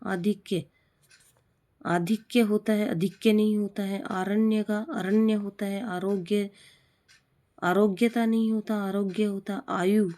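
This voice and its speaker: Slow, drilling Hindi teacher woman. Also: medium pitch, fairly even intonation, dark tone. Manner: slow, repetitive drilling of correct forms. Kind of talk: spelling lesson for exam prep.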